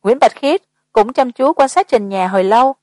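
A woman narrating a horror audiobook in an even, measured way. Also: a little high, no room sound. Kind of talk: scripted narration.

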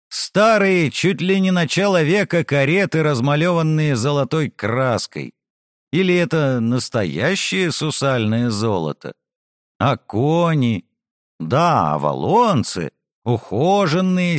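A man narrating a first-person fantasy audiobook in a wry, ironic, expressive way, recorded on a close studio mic. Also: fairly high pitch, no room sound.

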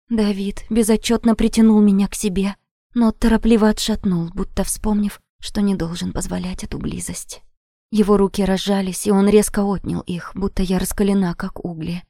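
Breathy, gravelly woman narrating. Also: mid-range voice, warm tone, no room sound, clean studio sound. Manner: intimate, drops often into a breathy whisper. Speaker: audiobook narrator. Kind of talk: first-person romance audiobook narration.

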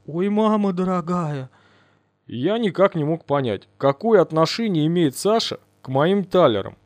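A man reading a first-person audiobook in measured, dramatic storytelling. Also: fairly high pitch, big pitch swings, no room sound. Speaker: audiobook reader.

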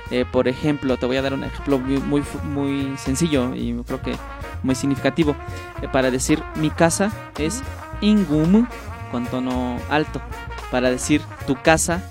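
A man's voice: mid-range voice, fairly even intonation, normal speed, over music. A man, a linguist whose first language is Mazahua, patiently explaining ideas on a radio program and checking in with the listener as he goes. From State of Mexico. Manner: patient, explains with examples, frequent "¿no?" tags. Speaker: linguist guest.

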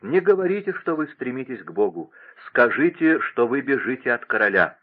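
A man's voice: mid-range voice, big pitch swings, normal speed, phone-quality sound. A man voicing a young, imperious king who speaks with passion and vehemence. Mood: impassioned. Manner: impassioned, vehement.

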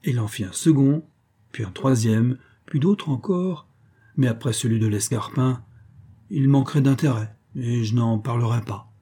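A man reading a classic tale aloud as narrator, with measured, expressive storytelling. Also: mid-range voice, breathy edge.

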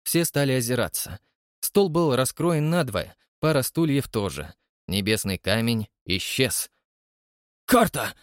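Lively male audiobook narrator. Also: mid-range voice, a little slow, no echo, clean studio sound. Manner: lively, dramatic delivery. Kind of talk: expressive audiobook reading.

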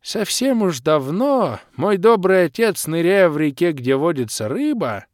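A cheerful old creature voiced by a man speaks in a raised, lively, folksy voice, full of sayings and omens. His lines swing up and down in a dry, close recording for an audiobook. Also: sits high, unhurried, no room sound, pitched above the performer's own voice. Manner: folksy, rhyming, superstitious. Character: old male lokhr creature, cheerful, cryptic.

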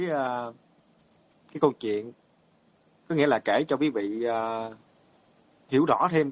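Male monk, halting dharma storyteller, middle-pitched. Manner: hesitant, many fillers and repeated words. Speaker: Buddhist monk.

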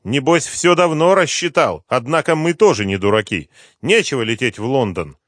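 Male reader doing the general: older, scheming, smirking and hoarse, voiced high and lively for an audiobook. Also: moderate pace, dry recording, studio quality. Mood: mocking. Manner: smirking, taunting.

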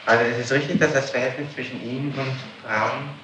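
Recorded on an echoey, noisy 1960s interrogation tape in a reverberant room, now archived, a public prosecutor works methodically and insistently through witness testimony. His voice is mid-range, his intonation fairly even, and his pace a little fast.

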